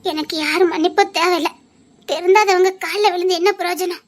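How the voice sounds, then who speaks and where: Woman playing a young pregnant wife in an audio drama, super high shrill voice, tearful, accusing. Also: steady tone, brisk. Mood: bitter.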